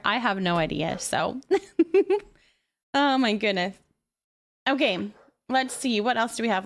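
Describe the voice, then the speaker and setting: A woman hosts a live stream, chatting casually with viewers as she reads and answers their comments. She's animated, expressive, sympathetic and informal, and her voice is a little high.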